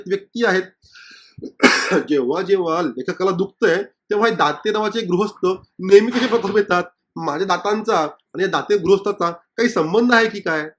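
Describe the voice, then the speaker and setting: A man's voice: high-pitched, a bit bright, a little hiss or hum. A male teacher explaining a Marathi textbook lesson, reading passages aloud and acting out the dialogue lines.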